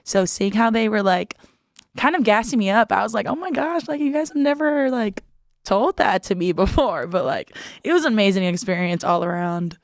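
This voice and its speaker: A woman's voice: medium pitch, lively intonation, moderate pace, no room sound, studio quality. A young woman, a volleyball player, chatting as a guest in an interview, with many "like" fillers and frequent laughs. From United States. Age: young adult. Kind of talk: casual interview chat.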